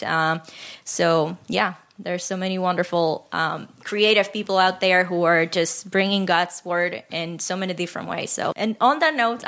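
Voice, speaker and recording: Upbeat woman hosting a faith podcast. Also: mid-range voice. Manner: warm, laughing, encouraging. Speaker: podcast host.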